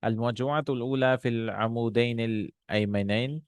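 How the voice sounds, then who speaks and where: A man works through an Arabic textbook lesson, reading the Arabic lines quickly before translating and explaining them slowly, with many pauses and restarts. His medium-pitched voice is smooth and steady, with no room sound.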